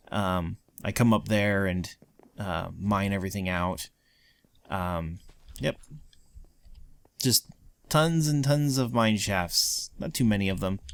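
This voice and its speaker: A man's voice: on the low side, clean tone. Rambling man giving a game tour. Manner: rambling, full of ums and likes. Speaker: let's play co-host. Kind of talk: casual gameplay commentary.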